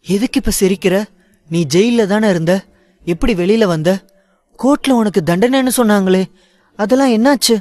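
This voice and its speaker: A man voicing a frightened young woman who pleads in a high, strained, tearful voice. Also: normal speed, pauses often, darkish tone, no echo, natural voice. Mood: frightened, defiant.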